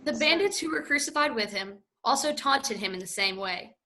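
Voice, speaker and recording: A woman narrates the scripture passage in church with a bright, slightly high voice. She reads in a steady, clear way. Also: normal speed, slight background noise. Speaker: scripture reader.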